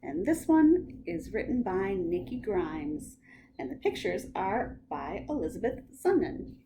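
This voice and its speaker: A woman librarian reading bedtime stories aloud with expressive, animated storytelling. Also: mid-range voice, a little slow, gravelly, slight background noise.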